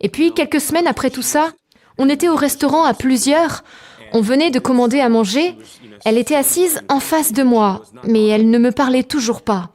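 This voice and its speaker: Woman, high voice, calm measured telling, testimony voice-over. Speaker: testimony narrator.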